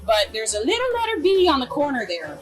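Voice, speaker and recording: With a high-pitched voice, huge pitch swings and a fairly quick pace, this young adult food truck chef from Greensboro and High Point, North Carolina talks through a cooking demo. Her chatter is casual, slangy, informal and full of enthusiasm.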